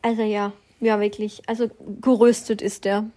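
A young woman co-hosting a casual podcast, telling stories in animated quick bursts with frequent laughter. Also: mid-range voice. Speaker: podcast co-host. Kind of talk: casual chat.

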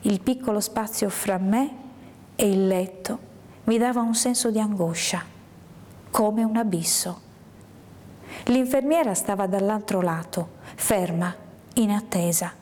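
A woman reading a first-person literary story aloud in a measured, hushed way, sometimes sinking into a whisper. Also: mid-range voice. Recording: long hall reverb.

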